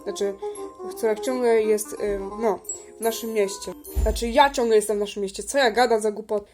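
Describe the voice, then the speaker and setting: A woman's voice: mid-range voice, fairly even intonation, moderate pace, music in the background, natural voice. A woman voicing a fifteen-year-old girl shorthair cat in a toy-pet video drama, rambling and constantly correcting herself. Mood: flustered.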